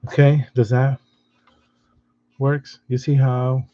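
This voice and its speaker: A man giving a step-by-step drawing lesson in a patient, soft-spoken way, often restarting his sentences. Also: medium pitch, little pitch movement, slow, highs cut off, a little hiss or hum. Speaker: art teacher.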